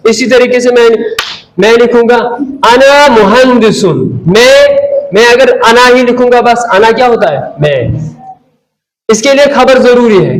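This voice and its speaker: A man with a high-pitched voice teaches Arabic grammar in a classroom lesson, recorded roughly in an echoey room. He keeps asking and answering his own questions, repeats key terms, and mixes Hindi-Urdu with English terms.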